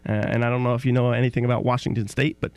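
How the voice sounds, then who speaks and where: A man co-hosting a local sports talk show, running through scores and picks in a relaxed way. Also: mid-range voice, dry recording. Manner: reads scores briskly, relaxed chat.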